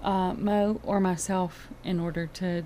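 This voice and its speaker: A woman talking casually as an interview guest, telling things in an animated, conversational way. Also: lowish voice, a little slow. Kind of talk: casual chat. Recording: clear background noise.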